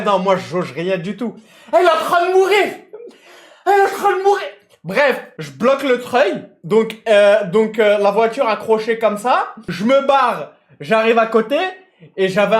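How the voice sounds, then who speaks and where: High-voiced man telling a story. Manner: animated, slangy, mimics and shouts mid-story. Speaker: storyteller recounting a tow job. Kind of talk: casual comic anecdote.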